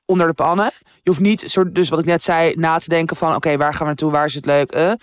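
A woman's voice: deep voice, fast talker, clean tone, no echo, studio quality. A woman in her thirties co-hosting a podcast, telling stories with slang and frequent laughter. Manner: giggly, slangy, lively storyteller. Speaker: podcast co-host. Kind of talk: casual chat.

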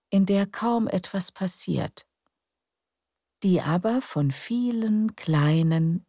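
A woman narrating sleep stories for adults in a hushed, calm, soothing, breathy and creaky voice, often close to a whisper. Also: deep voice, no echo. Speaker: sleep story narrator and podcast host. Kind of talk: soothing scripted bedtime story narration.

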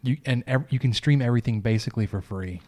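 A man from Texas with a gentle giant voice, hosting a sports podcast in a loose, informal, conversational way. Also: mid-range voice, quick pace. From Texas, United States. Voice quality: gentle giant voice, soft and big. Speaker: podcast host. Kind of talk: casual sports podcast chat.

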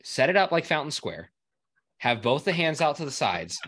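A man's voice: fairly high pitch, sing-song, moderate pace, a bit bright. A young man in a casual sports chat, repeating words as he riffs on goofy ideas. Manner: stammering, repeats words, jokey. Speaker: podcast co-host.

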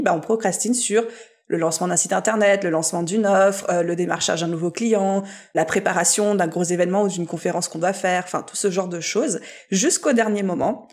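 A woman's voice: medium pitch, a little mellow. A woman guest, a business coach, explaining her ideas fluently in a casual interview.

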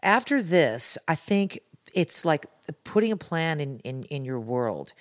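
Earnest woman guest, lowish voice. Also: sing-song, a little slow. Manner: earnest, candid, rambling with restarts. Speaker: podcast guest. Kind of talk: casual podcast chat.

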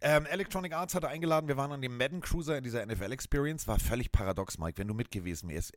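A man with a German accent co-hosting a chat podcast, telling lively anecdotes and mimicking the voices of people in them. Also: medium pitch, racing, crowd noise. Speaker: podcast co-host. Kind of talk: casual chat, animated storytelling.

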